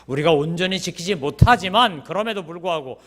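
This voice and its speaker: A man preaching a sermon as pastor, asking rhetorical questions and breaking into sudden loud, high bursts. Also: lively intonation, a little fast.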